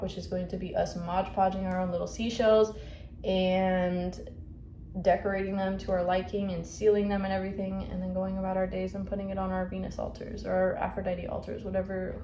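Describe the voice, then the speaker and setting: A woman vlogs casually about her shop from upstairs in her home, rambling with plenty of fillers and self-corrections. Her voice is warm and mid-range. Captured on a phone or camera mic, the audio echoes a bit and has faint background noise.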